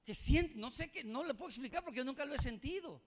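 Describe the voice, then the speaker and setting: A man's voice: very high voice, lively intonation, fast talker. A male pastor from El Salvador with a Salvadoran Spanish accent, preaching a sermon in a conversational way, calling his listeners "hermano" and laughing at his own jokes. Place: church.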